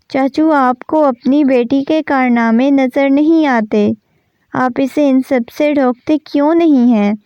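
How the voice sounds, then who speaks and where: A hot-tempered, possessive young man from a romance novel barks orders, as a woman reader voices him. The delivery is mellow and fairly high, on a dry, dull recording. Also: clean tone, dry recording, lightly acted. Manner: shouting, commanding.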